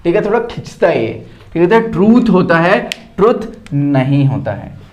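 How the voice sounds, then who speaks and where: A man's voice: on the high side, sing-song, normal speed, darkish tone, highs cut off. A man teaching English at home in a casual lesson, speaking Indian English with lots of fillers and repeating example sentences word by word. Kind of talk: casual spoken lesson mixing Hindi and English. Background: household noise.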